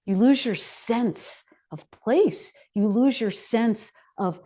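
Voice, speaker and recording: This woman chef also speaks in that contemplative community's hall, telling her talk as a story and asking listeners rhetorical questions. Her pitch sits fairly high, and her mellow voice moves at an unhurried pace.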